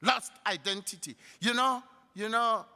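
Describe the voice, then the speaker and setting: A man with a South African accent giving a graduation address in a large hall. He speaks slowly and emphatically, rising like a preacher on key points. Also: high-pitched, bright, forceful tone. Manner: slow, emphatic speechmaking with a preacher-like rise. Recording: reverberant hall through a PA.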